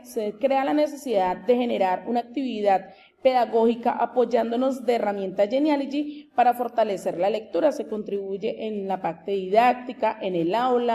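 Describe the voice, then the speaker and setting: A woman presents her graduate thesis in a formal academic tone. Her voice sits on the higher side, and its timbre is soft and mellow. She explains each point steadily. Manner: steady, explanatory, with occasional restarts. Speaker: master's degree candidate presenting her thesis.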